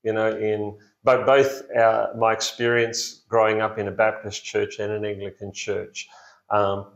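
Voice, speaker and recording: A middle-aged man, a pastor from Blue Mountains, New South Wales, Australia, speaks a little slowly in a lowish, creaky, flat voice. The interview is casual, and he stumbles through fillers and restarts while laughing readily. The audio has an echoey, dull, lo-fi room sound.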